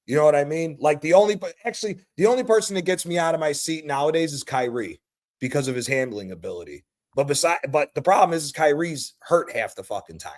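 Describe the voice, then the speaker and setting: A man's voice: fairly high pitch, expressive, fast. A man in his thirties hosting a casual sports chat, laid-back and swearing freely, repeating his points. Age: 30s. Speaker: show host.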